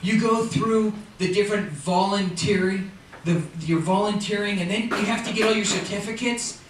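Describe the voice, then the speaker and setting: A middle-aged man doing a stand-up comedy routine at a live venue, animated and acting out characters in quick voices. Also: high voice. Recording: echoey distant live room mic with noise. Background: audience laughter.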